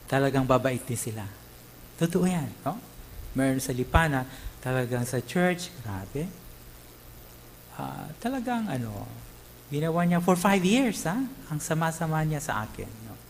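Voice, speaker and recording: Lively Filipino pastor preaching. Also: male voice, a little high, a little hiss or hum, poor audio. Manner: animated, mixes English, tag questions, acts out quotes. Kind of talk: Tagalog sermon.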